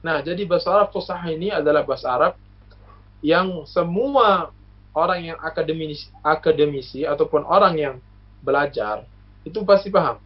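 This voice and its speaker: A man from Lombok, Indonesia, talks as a guest in a relaxed chat, teaching step by step with plenty of pauses and worked examples. His voice sits somewhat high for a man. The recording sounds muffled and lo-fi. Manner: patient lecturing, full of hesitations and examples. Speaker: guest, university alumnus. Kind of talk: casual explanatory chat.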